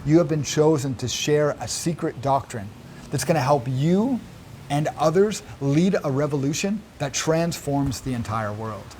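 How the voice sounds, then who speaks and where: A man quoting a gentle feminine plant spirit in his own voice, soft, patient and solemn. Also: fairly high pitch, expressive, a little slow, slight background noise.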